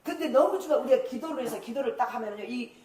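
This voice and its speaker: A woman pastor with a fairly high voice preaches a revival sermon. She is emphatic, laughs often and acts out prayers. She is picked up from a distance in an echoey church hall. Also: lively intonation, very fast, a little mellow, slight background noise. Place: church sanctuary.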